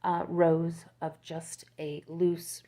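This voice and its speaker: A woman's voice: lowish voice, level tone, very slow, dark tone. An older woman, a crochet YouTuber, chatting casually and rambling as she shows off her work. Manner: rambling, chatty, restarts and laughs. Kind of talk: casual show-and-tell chat.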